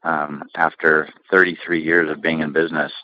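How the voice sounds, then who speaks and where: A middle-aged man, founder of a limousine company, telling long anecdotes with lots of fillers in a relaxed interview. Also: rumbling low, moderate pace, highs cut off. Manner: rambling anecdotes with many fillers.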